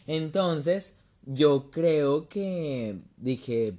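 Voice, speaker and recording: A young man with a Mexican Spanish accent telling a story in casual chat, slangy and animated, acting out what people said. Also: fairly high pitch, extremely slow. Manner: slangy, animated, acts out quoted lines.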